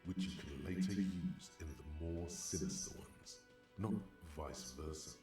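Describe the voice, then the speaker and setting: A male streamer reading game text aloud with commentary, slow and deliberate, sometimes dropping to a whisper. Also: a bass voice, echoey room, music in the background.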